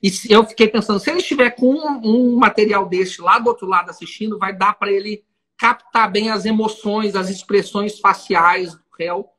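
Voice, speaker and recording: A man, a defense lawyer co-hosting a podcast, telling an anecdote in a casual, animated way. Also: high voice, moderate pace, rough recording. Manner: animated storyteller, laughs along.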